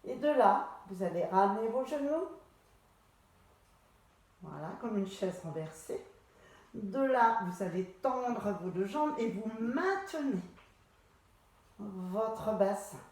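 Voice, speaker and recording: A woman leading a pilates class, calmly cueing each movement and breath step by step. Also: medium pitch, slow, pauses often. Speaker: pilates instructor. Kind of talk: guided exercise class instruction. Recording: echoey room.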